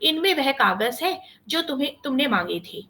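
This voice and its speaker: A bright, sharp-toned aunt who frets over a child and presses with questions, put on by a woman reading a story. She pitches up high whenever she speaks, warm but insistent, heard over a video call. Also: very animated, normal speed, full character voice. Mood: fussing. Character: kindly aunt, middle-aged woman, fussing and curious.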